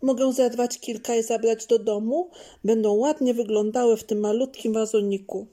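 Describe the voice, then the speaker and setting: A woman voicing an eager, chatty little girl in a children's storybook, with a high, excited childlike voice. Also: moderate pace, natural voice.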